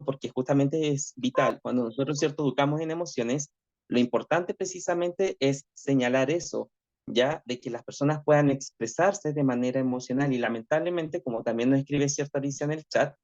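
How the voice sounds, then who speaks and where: A man's voice: mid-range voice, brisk, darkish tone. A male teacher giving an online class lecture, reflective, checking in with tag questions constantly. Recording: dull lo-fi audio.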